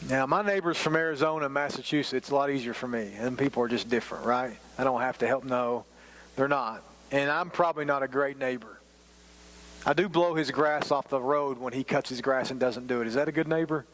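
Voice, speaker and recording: Conversational pastor in his forties, slightly high. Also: a bit bright, rough recording. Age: 40s. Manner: conversational, self-deprecating, rambling asides. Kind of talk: sermon.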